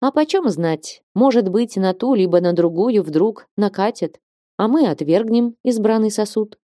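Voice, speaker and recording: A woman voicing a devout young girl who speaks quietly and earnestly, with rapture. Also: on the low side, normal speed, dry recording, clean studio sound, natural voice.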